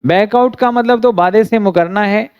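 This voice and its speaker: A man from India teaching English phrasal verbs in a classroom lesson, dictating example sentences slowly and deliberately, with an Indian English accent. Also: high voice, clean tone, no room sound, dull audio. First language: Hindi.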